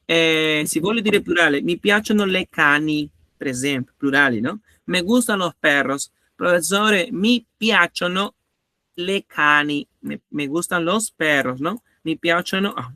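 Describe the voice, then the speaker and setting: A man's voice: a little high, measured pace, bright, forceful tone, no room sound, studio quality. A man teaching a grammar lesson, patiently repeating each example and checking that students follow. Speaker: language teacher.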